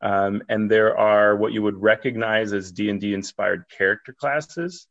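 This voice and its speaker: A man co-hosts a podcast in casual chat. His pitch is fairly low, and the recording sounds a little dull and lo-fi. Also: normal speed, vocal fry, fairly bright tone. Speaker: podcast co-host.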